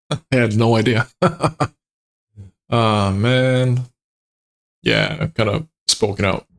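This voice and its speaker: A man's voice: mid-range voice, fairly even intonation, slow pace, fairly bright tone. A man streaming a horror game, talking casually and enthusiastically to his viewers with chuckles. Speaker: gaming streamer. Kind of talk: casual gameplay commentary.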